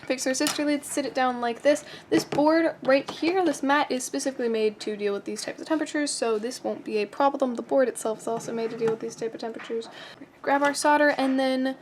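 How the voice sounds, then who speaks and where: High-voiced chatty woman tutor. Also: steady tone, a little fast, noisy background. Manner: chatty, self-mocking, jokey asides; reads kit instructions aloud. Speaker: host. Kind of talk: casual soldering tutorial.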